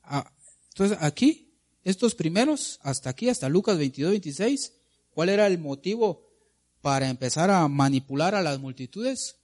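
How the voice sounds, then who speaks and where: A man's voice: a little high, animated, moderate pace, a little mellow. A man preaching a sermon, dramatically asking the congregation questions and answering them himself.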